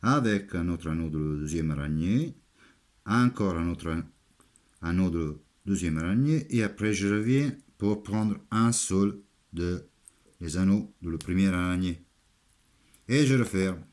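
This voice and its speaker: In a fairly low, slightly mellow but animated voice, an Italian armourer explains his craft in French marked by a clear Italian accent. He takes his time, showing each step and repeating simple, halting phrases as he works.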